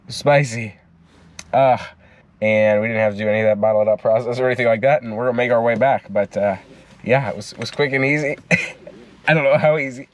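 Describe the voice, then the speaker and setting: A stuffy-nosed man with a medium-pitched voice jokes cheerfully in a casual vlog diary, captured in a dry recording. He's sitting in a car, filming with a phone attached to the steering wheel.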